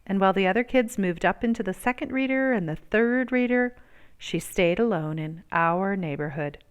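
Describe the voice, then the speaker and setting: A woman reads a children's picture book aloud in a clean, clear, resonant voice pitched in the middle range. Her narration is expressive, with measured emphasis placed on key words.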